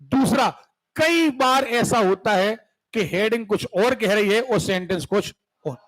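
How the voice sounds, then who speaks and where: A man with a high voice and a Madhya Pradesh Hindi accent teaches a grammar class for exam takers. He talks in a casual, joking way and keeps checking whether his students are following. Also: a little slow, fairly bright tone, low-quality recording. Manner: asks students frequent check questions. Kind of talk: exam-prep grammar lesson.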